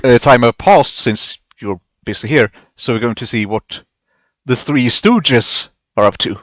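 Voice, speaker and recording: A man's voice: mid-range voice, lively intonation, measured pace, a bit bright, no echo. A man playing in a tabletop game, laughing a lot and swearing casually. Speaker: player.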